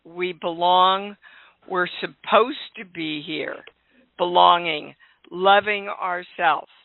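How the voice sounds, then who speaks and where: An older woman, a host and healer, runs a call-in radio show offering spiritual guidance in an emphatic, affectionate, slow and deliberate manner. Her voice is lowish and gravelly, with a dry recording and tinny phone-line sound.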